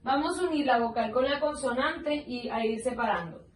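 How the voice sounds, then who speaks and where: A woman teacher giving a lesson. She is patient and sounds words out slowly, syllable by syllable. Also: sits high. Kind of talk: slow explanatory lesson. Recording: roomy echo, mic at a distance, faint background noise.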